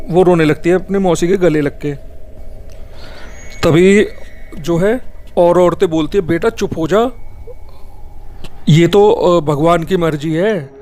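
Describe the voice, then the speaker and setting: High-voiced man telling a horror story. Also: a little mellow, a little hiss or hum. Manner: rambling, fillers, self-corrections. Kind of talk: casual spoken storytelling.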